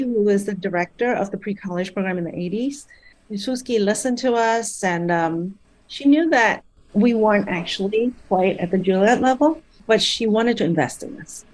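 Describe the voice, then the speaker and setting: Soft-laughing middle-aged woman from Malaysia. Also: medium pitch. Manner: thoughtful, with frequent fillers and light laughs. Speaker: guest, nonprofit founder. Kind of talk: conversational interview.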